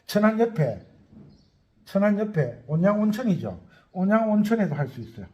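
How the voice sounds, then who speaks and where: A man's voice: high-pitched, big pitch swings, normal speed, muffled recording. A man who teaches accordion, talking casually, rambling and thinking aloud as he goes. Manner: chatty, rambling, thinks aloud while listing places. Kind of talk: casual talk to viewers.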